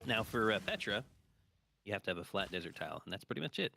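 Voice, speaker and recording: Low voiced guy co-casting a strategy game, bright sharp tone, upbeat and explainy. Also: big pitch swings, quick pace, creaky, a little hiss or hum. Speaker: co-caster. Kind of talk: live strategy game stream commentary.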